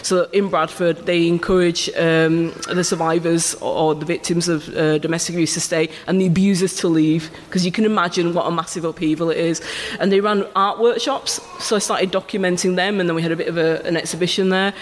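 Fairly quick and with few pauses, a high-voiced man tells stories with animation and laughter; he's from England and his first language is Urdu. As a photographer guest in a live stage conversation at an arts venue with an audience, he's recorded with hall reverb, faint ambience, and slight background noise.

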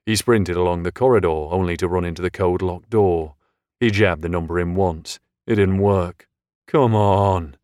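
Deep-voiced man narrating a thriller. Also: no echo, studio quality. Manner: measured, steady storytelling. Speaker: audiobook narrator. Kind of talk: scripted audiobook narration.

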